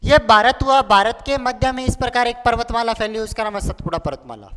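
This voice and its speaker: This twenty-one-year-old man has a very high, slightly bright, smooth voice and talks fast while teaching an exam-prep lesson. He's playful and colloquial, drilling key points through repetition and acting out his pupils' questions. The recording is noisy, with clicks and the echo of a hall-like room.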